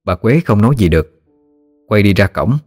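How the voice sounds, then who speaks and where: A man narrating an audiobook story in a steady, descriptive way. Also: lowish voice, moderate pace, soft background music.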